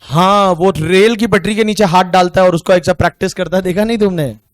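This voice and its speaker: A man with an Indian accent teaching an online tax class, chatting casually and joking, then slowly dictating questions. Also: sits high, steady tone, dry recording, studio quality.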